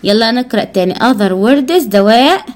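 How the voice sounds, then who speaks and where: A fairly high-voiced woman with an Egyptian Arabic accent teaches English to a child. She is patient, repeats each word several times, and spells the letters out one by one. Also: lively intonation. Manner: patient, repeats words slowly and spells them out.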